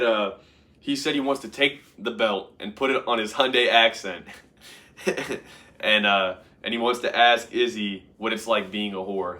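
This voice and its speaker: A man's voice: lowish voice, pushed and bright. A young man talking casually and profanely, rambling and laughing as he rants about fights. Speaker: MMA commentary YouTuber. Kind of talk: casual rant to camera.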